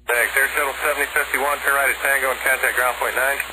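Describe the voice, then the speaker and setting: An American man speaks as an air traffic controller in terse, procedural phrases. His pitch is average and his delivery is quick and businesslike. The radio transmission is thick with static and noise. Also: fairly even intonation. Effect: aviation radio transmission. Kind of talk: clipped procedural radio instructions.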